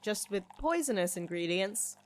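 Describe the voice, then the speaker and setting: Playing a grieving, wry half-human barista who looks young and is stressed and stubborn, this actress keeps her lines casual and defensive. Her mid-range voice has lively intonation and a moderate pace, close to everyday speech, with slight background noise.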